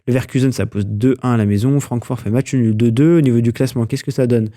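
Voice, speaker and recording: A man with a mellow, warm voice hosts a casual sports news roundup. He chats loosely, full of fillers, hesitations and quick self-corrections. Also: mid-range voice, steady tone. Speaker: sports news podcast host.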